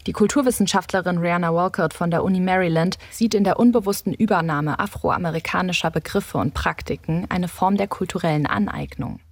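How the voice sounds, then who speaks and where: A woman reporter reading a scripted radio feature in a measured, explanatory way. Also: lowish voice, no echo.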